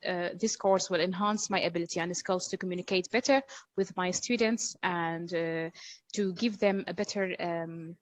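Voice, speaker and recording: A woman with a Sudanese accent introducing herself in an online class, halting as she searches for words. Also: on the low side, dry recording. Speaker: course participant, doctor and lecturer. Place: online video call.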